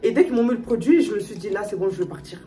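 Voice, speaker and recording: A woman's voice: medium pitch, lively intonation, very fast, warm tone, recorded from a distance, faint music behind. A young woman vlogging a personal story to her viewers, talking emotionally and repeating herself with lots of fillers and restarts. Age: young adult. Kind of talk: storytime vlog, casual chat to viewers.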